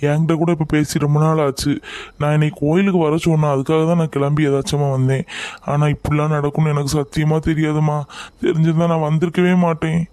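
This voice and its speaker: A man's voice: fairly high pitch, flat delivery, fast, darkish tone, smooth, dry recording, natural voice. A man playing a fretful, soothing older brother. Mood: pleading. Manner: pleading, reassuring, worried muttering asides. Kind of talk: amateur family skit acting.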